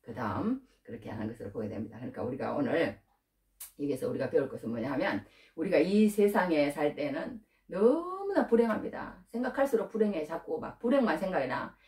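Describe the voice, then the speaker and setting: A woman pastor preaching a sermon, emotional and conversational, rising to high bursts. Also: sing-song, fairly quick, mellow. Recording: roomy echo from far off.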